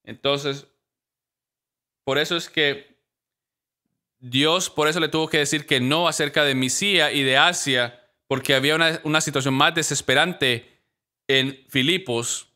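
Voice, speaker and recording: A pastor preaching a sermon in a lively storytelling manner, acting out the voices of the people in his stories. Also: fairly high pitch, a little slow, long pauses.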